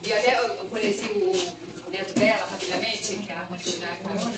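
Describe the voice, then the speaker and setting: A woman in the audience adding a soft, casual comment with frequent tag questions. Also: medium pitch, fairly even intonation, quick pace. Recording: echoey room, far from the mic, crowd around.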